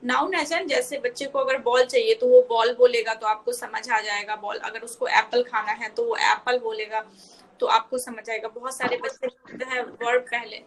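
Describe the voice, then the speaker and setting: Woman speech therapist, fairly high voice, patient step-by-step teacher mixing in English terms. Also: fairly even intonation, moderate pace, slight background noise, low-quality recording. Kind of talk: live online Q&A talk to parents.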